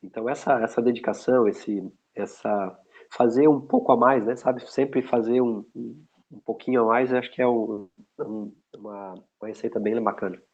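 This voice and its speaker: In a casual online interview, a guest who is a logistics specialist speaks with a São Paulo accent, being from São Paulo, Brazil, and he rambles and restarts frequently. His voice is medium-pitched, steady and darkish in tone, at a normal speed. The sound is muffled and lo-fi.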